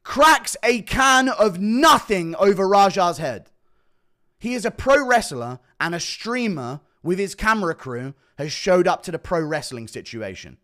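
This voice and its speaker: A man's voice: sits high, sing-song, unhurried, bright, forceful tone. A man giving emphatic, profane reaction commentary on a video clip, repeating quoted lines as he goes.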